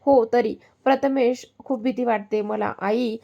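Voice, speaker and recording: A woman's voice: a little high, fairly even intonation, measured pace, creaky, muffled recording. A woman reading an anxious young bride-to-be.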